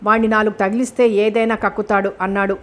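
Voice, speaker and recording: A determined, earnest grown man from an audiobook thriller, read by a woman narrator. He speaks with defiant resolve. The voice stays at a middle pitch. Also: little pitch movement, quick pace, lightly acted.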